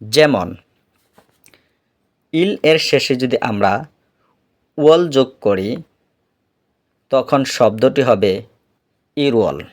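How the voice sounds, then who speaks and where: A male teacher going through a beginner lesson at a very slow, measured pace. He says each word carefully and often repeats it for practice. His voice sits at an ordinary middle pitch. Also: expressive, a little mellow. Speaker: language teacher.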